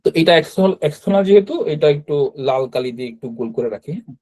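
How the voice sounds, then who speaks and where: A man with a Bangladeshi Bengali accent leads a beginner language lesson over a video call. His voice is slightly high and mellow in tone. He explains patiently, step by step, and keeps checking in with his students. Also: animated, rapid-fire, low-quality recording. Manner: explanatory, checks in with frequent "right?". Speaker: Japanese language teacher. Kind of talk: online class teaching.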